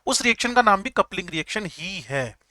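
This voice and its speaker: A male chemistry teacher lectures with jokes and slow repetition of key terms. His voice sits high and sounds bright and forceful, recorded dry and close. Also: animated, no room sound. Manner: jokey, repeats key terms slowly. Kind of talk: classroom lecture.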